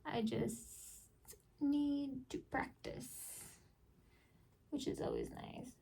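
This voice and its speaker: A woman's voice: sits high, huge pitch swings, drawn-out words, creaky, warm tone, slightly rough, far from the mic. A woman chatting casually through a makeup tutorial as a beauty vlogger, rambling and trailing off with small laughs.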